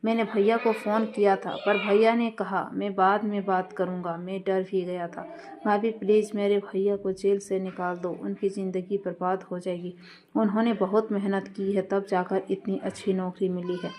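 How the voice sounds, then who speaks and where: A woman's voice: mid-range voice, flat delivery, moderate pace, a little mellow, natural voice. A woman voicing a young man who pleads with his sister-in-law, choked with tears, in a storybook reading. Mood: pleading.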